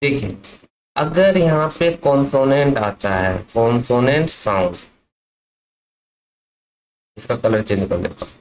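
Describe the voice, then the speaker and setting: A man's voice: mid-range voice, animated, slow, pauses often, a little hiss or hum, rough recording. A man teaching an English grammar lesson, asking his class questions and answering them himself. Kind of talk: classroom lesson explaining at a board.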